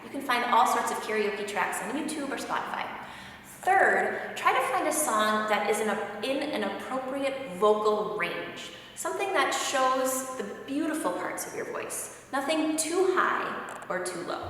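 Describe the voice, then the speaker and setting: Woman, audition director, brisk notes, distant in a reverberant hall. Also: fairly high pitch, expressive, fairly bright tone, a little hiss or hum. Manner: brisk, interrupting, gives notes. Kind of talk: instructional talk. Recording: echoey hall from far off.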